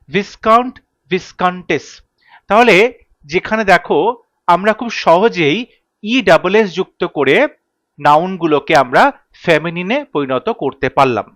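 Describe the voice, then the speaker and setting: A man teaching English grammar, reading word pairs in a steady drill and often checking in with his students. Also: high voice, no room sound. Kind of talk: classroom grammar lesson.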